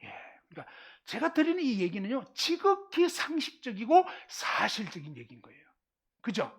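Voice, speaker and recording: A middle-aged Korean woman giving a lively Bible lesson to a live class, constantly asking questions and checking that everyone follows. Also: on the high side, normal speed, slightly rough. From Korean countryside.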